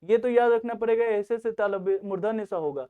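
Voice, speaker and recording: High-voiced man teaching grammar on a tinny line. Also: a little fast, clean tone. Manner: repeats "theek hai na" as a check-in. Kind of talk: Hindi grammar lesson. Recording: tinny phone-like recording.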